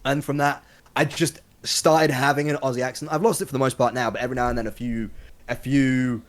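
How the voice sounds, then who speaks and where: A young British man, a guest on a podcast stream, telling relaxed stories with plenty of fillers. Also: medium pitch, brisk. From United Kingdom. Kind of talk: casual chat.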